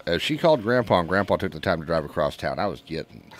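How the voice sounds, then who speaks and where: A man co-hosts a casual morning radio show and reads out listener answers with a joke. His voice is very low, but it swings a lot in pitch. He laughs often as he talks. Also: big pitch swings, fast.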